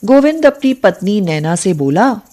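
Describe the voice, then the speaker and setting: A woman narrating a scripted cartoon story in a steady, plain manner. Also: mid-range voice, unhurried.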